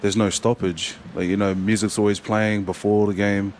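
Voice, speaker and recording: This rugby player is young, male, and speaks with a New Zealand accent, guesting on a relaxed interview. His lowish voice has a flat delivery, broken up by fillers and false starts, with a bit of hiss or hum behind it.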